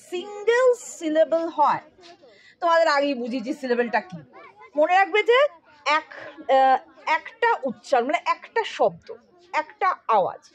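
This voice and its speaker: A woman's voice: high-pitched, a bit bright. A woman teaching English to students, patiently explaining and often checking that they follow along. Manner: patient, asks pupils questions often.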